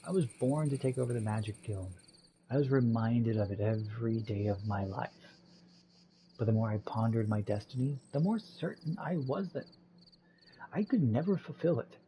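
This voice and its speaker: A man voicing a calm, earnest young female mage heir. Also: mid-range voice, normal speed, slight background noise, lightly acted, low-quality recording.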